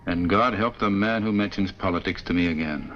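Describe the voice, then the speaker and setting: An actor playing a proud, protective mining lawyer and husband who speaks with impassioned tenderness. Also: male voice, low-pitched, a little fast, a bit bright, slight background noise. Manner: impassioned, tender toward his wife. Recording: dull 1950s TV soundtrack with music.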